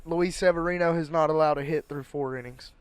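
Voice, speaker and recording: A man co-hosting a casual sports podcast, excitable and rambling as he makes his picks. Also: on the high side. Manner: excitable, rambling, fast bursts. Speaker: podcast co-host.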